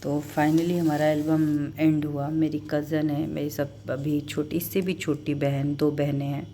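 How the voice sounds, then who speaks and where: A young woman vlogger talking casually and emotionally as she shows wedding photos, speaking softly and haltingly at home. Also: low voice, little pitch movement, a little hiss or hum. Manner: soft-spoken, halting and emotional. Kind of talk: casual vlog chat showing a wedding album.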